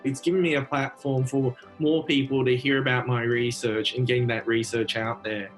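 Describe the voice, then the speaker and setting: Man, genetics researcher, matter-of-fact testimonial, mid pitch, faint music. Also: level tone, normal speed. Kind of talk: video testimonial.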